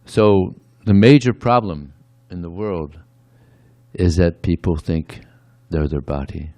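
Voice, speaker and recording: A man's voice: low-pitched, slow pace, warm tone, no echo. A man giving a conversational devotional sermon, often adding "yeah" between points. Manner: conversational, frequent "yeah" asides. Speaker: speaker at a temple.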